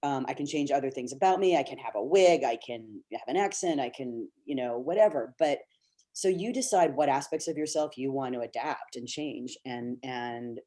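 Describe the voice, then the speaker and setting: A man moderates a webinar Q&A over a video call, his voice mellow and relaxed at a middling pitch. He speaks chatty and thoughtful, often restarting a thought before landing it. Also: moderate pace. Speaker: casting director and moderator. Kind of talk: webinar Q&A answer.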